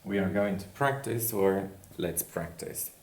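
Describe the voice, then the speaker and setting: Deep gravelly man, unhurried teacher, echoey room, distant mic. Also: slight background noise. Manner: repeats "okay?" after each point, spells out endings slowly. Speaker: language teacher. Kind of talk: slow grammar lesson with board work.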